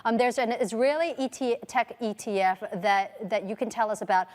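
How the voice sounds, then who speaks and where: Woman news anchor, brisk questioner, higher voice, long reverb. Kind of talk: business news interview.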